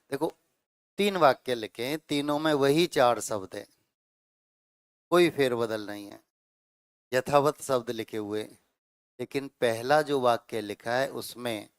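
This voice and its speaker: A man's voice: medium pitch, clean tone, no room sound, clean studio sound. Man teaching Hindi grammar in class. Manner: explains slowly with repeated phrases and checks like 'theek hai'. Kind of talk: classroom lecture.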